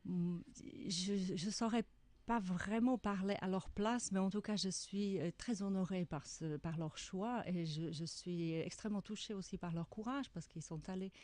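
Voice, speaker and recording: Speaking at a medium pitch with a slightly mellow quality, a middle-aged Czech-accented woman is a guest author on the radio. She reflects on each question and frequently stops to find the right word.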